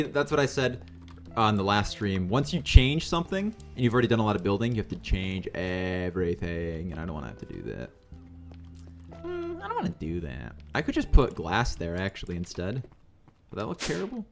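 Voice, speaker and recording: A man's voice: expressive, fast, music in the background. A man streaming a building game, telling rambling stories in a loose, casual way and often correcting himself mid-sentence. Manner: rambling, self-correcting, swings into high mimicry. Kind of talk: casual storytelling while playing.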